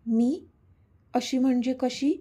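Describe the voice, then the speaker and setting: A woman's voice: sits high, steady tone, slow, warm tone, slightly rough, full character voice. A woman voicing an irritated young woman who pushes back defiantly, in a storybook reading. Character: young woman, angry and proud heroine.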